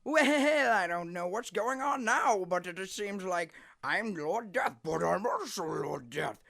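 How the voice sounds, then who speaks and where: A man's voice: high-pitched, lively intonation, a little slow, creaky, bright, forceful tone, dry recording, studio quality, pitched above the performer's own voice, full character voice. A man voicing Lord Death, a cheerful, goofy, nonchalant cartoon father with a chirpy, folksy, breezily blunt manner. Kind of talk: comedic cartoon character voice.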